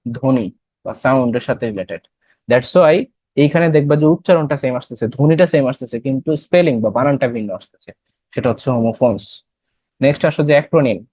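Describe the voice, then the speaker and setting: A man's voice: medium pitch, quick pace, darkish tone, dry recording, muffled recording. A young man with a Bangladeshi accent teaching an English class for admission tests, explaining in Bengali with English terms and quizzing students. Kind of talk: classroom lecture.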